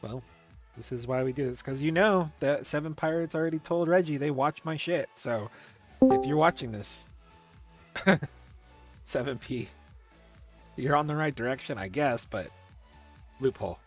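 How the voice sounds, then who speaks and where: A man's voice: on the high side, moderate pace, pauses often, highs cut off. Man chatting over game music. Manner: animated, reads rules aloud and debates them. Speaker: streamer host. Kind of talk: casual gaming chat.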